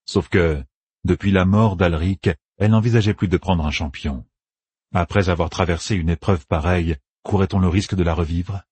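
A man narrating a fantasy audiobook in a measured, even storytelling manner. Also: deep voice, breathy edge, dry recording.

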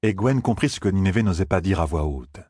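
A man narrating an audiobook in a measured storytelling manner, close to the mic. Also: deep voice, expressive, warm tone, breathy edge, no room sound. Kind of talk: scripted narration.

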